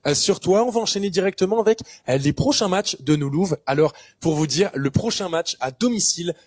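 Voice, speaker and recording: A man's voice: sits high, lively intonation, brisk, dry recording, studio quality. A man co-hosting a pre-match live stream, friendly and hesitant, with many fillers.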